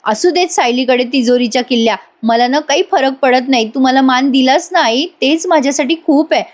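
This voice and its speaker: A woman's voice: sits high, a little fast, lightly acted. A woman voicing a scheming young woman who whines and pleads to win sympathy. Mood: pleading.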